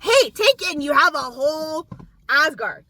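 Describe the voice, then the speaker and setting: A young woman chats as a guest, giggly and casual, with a high, bright voice. The sound is close and dry, and she often leaves her sentences hanging before laughing. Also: sing-song, unhurried, no room sound. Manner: giggly, swears casually, trails off mid-sentence. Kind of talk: casual chat. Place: front seat of a car.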